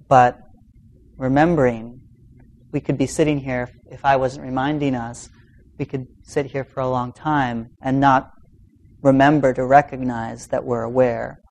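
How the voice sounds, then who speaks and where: A man teaching meditation in an informal dharma talk, speaking in a halting, reflective way with long pauses. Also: medium pitch, a little mellow. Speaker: meditation teacher giving a talk to a practice group.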